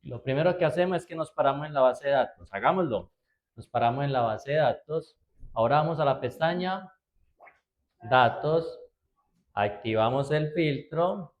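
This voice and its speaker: This computer class instructor has a fairly high voice, speaks at a moderate pace, and the recording's highs are cut off. Walking through a spreadsheet lesson step by step, he stays patient and keeps confirming understanding with a frequent "¿cierto?".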